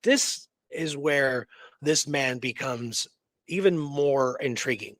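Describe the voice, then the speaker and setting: This man speaks slowly in a mid-range voice with a fairly bright tone as he co-presents a true story on a history talk show. He reads details from his notes with emphasis and adds relaxed commentary, radio-show style. The sound has no room ambience.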